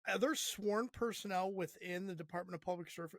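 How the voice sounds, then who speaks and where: A man with a somewhat high voice hosts a podcast interview, friendly and prone to winding questions. His voice sounds close and dry, with no room around it. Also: a little fast, fairly bright tone, dry recording. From Chicago area. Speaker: podcast host. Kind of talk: conversational interview.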